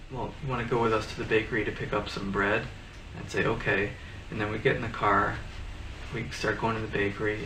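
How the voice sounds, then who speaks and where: A man casually telling stories in an interview, rambling and halting with fillers. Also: fairly low pitch. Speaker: interviewee, band frontman. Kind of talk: casual storytelling. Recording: roomy, distant mic with background noise.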